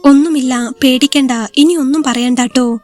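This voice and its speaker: A woman voicing a gentle, consoling young husband. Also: high-pitched, steady tone, moderate pace, faint music behind, natural voice. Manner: soft, reassuring.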